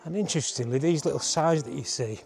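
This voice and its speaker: A travel vlogger with a fairly high, gravelly, somewhat dark voice talks fast while hiking uphill on a forest trail, audibly working hard from the climb. His casual, chatty commentary carries wry understatement, with soft music in the background.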